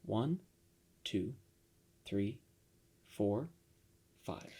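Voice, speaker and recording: A man co-hosting a casual podcast, talking in a soft-spoken, fairly monotone way. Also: on the low side, extremely slow, husky. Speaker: podcast co-host.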